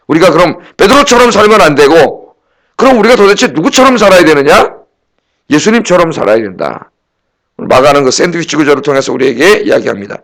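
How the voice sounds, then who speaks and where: Slightly high-voiced pastor asking rhetorical questions. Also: male voice, fairly bright tone. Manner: conversational preaching with frequent rhetorical questions; acts out quoted dialogue. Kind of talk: sermon.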